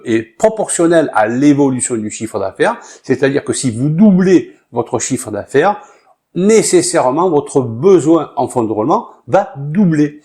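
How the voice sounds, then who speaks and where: A man's voice: medium pitch, warm tone. A man teaching business finance in a hesitant way, with many filler sounds. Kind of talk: explanatory lesson with a short acted opening.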